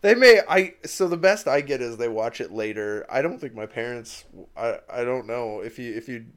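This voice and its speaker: A man hosting a casual podcast chat, animated and quick to laugh, often restarting his sentences. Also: medium pitch. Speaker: podcast host.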